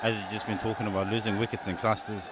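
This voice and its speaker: Man, conversational cricket commentary, lower pitch, noisy crowd. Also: little pitch movement, very fast. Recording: noisy stadium crowd behind. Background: noisy cricket stadium crowd.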